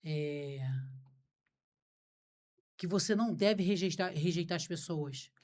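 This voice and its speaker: Taking her time, a Brazilian podcast host speaks in a lowish, slightly mellow voice with a Brazilian Portuguese accent. She keeps her interview conversation informal and candid.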